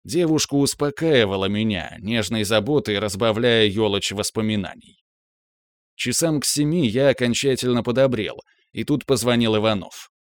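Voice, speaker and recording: A man narrating an audiobook in a measured, even reading. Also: lowish voice, clear, resonant tone, no echo. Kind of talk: scripted narration.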